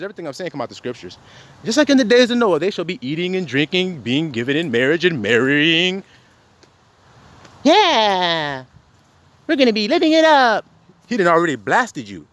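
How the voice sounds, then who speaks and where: A man with a high, slightly bright voice plays a self-styled preacher in a profane tirade. He is confrontational, heavy on the swearing, quoting scripture and peppering his listeners with rhetorical questions.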